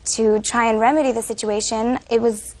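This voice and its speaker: A young woman from California giving measured, defensive testimony in a courtroom. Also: fairly high pitch, fairly even intonation, darkish tone. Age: young adult.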